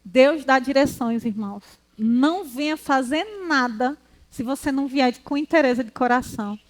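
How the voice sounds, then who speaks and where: A woman from Brazil preaching at church into a handheld mic, animated and teasing, acting out the people she quotes. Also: high voice, moderate pace. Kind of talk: lively church teaching. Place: church hall.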